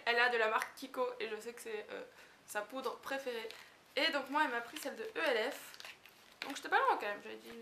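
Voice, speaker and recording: Bright, high-voiced excited young woman. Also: a little hiss or hum. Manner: gushing, excited. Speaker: beauty vlogger. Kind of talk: casual unboxing chat. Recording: echoey room.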